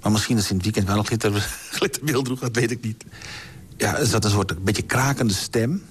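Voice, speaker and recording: A man telling a personal anecdote on radio in a lively, vivid way. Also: lowish voice, a little fast, breathy edge. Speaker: storyteller. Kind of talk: radio storytelling.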